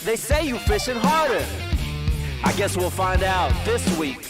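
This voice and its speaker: A woman's voice: mid-range voice, sing-song, measured pace. A woman delivering a produced show jingle, sung-announced over music. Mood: hyped. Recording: loud music bed, distant.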